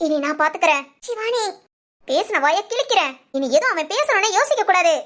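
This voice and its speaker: A woman's voice: extremely high pitch, lively intonation, fairly quick, fairly bright tone. A woman voicing a bossy, protective young friend in a cartoon, talking in a firm, scolding way. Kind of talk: cartoon voice acting.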